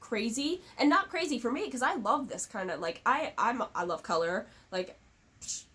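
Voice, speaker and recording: Brief: upbeat, rambling woman co-host, husky, fairly high voice, casual chat, occasional cough. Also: expressive, moderate pace, fairly bright tone. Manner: chatty, enthusiastic, rambling. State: coughing now and then. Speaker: podcast co-host.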